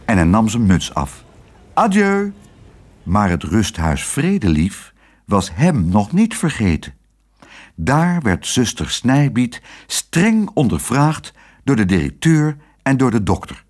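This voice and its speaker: A man narrating a children's book aloud in a lively storytelling manner. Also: on the low side, takes it slowly. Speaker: audiobook narrator.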